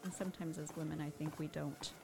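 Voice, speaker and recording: Encouraging woman chatting over clear background noise. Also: low-pitched, steady tone, fast talker. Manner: encouraging, supportive. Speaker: co-host of a chat. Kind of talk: casual chat with a friend. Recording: noisy background ambience.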